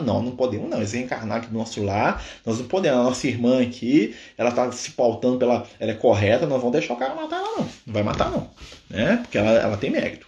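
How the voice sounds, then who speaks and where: A man teaches a spiritual study session, retelling a story with animated energy and tag questions after nearly every phrase. He speaks very fast at a middle pitch. The sound is roomy and echoey. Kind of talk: storytelling lesson on a livestream. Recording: echoey room.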